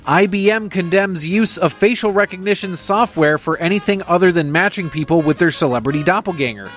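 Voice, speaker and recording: A man with a fairly high voice reads headlines as a radio game show host. He has an announcer-like, upbeat delivery, and music plays behind him. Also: fairly quick, fairly bright tone.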